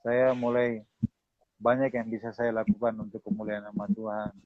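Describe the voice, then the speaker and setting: A man's voice: on the low side, completely flat delivery, moderate pace, dry recording. A male pastor from Manado, Indonesia, giving a sermon with personal testimony and a closing prayer. He keeps calling his listeners "Saudara" and acts out the dialogue in his stories. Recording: dull muffled lo-fi sound.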